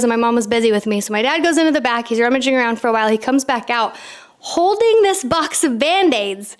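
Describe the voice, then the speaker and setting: A woman in her thirties hosting a podcast, telling a personal story in an animated, chatty way full of "like" fillers. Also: on the high side. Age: 30s. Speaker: podcast host.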